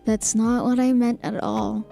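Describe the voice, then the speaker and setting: A young woman streamer reading a visual novel aloud in a soft, hesitant, apologetic way. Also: a little high, level tone, measured pace, creaky, soft background music. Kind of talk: reading game dialogue and first-person narration aloud.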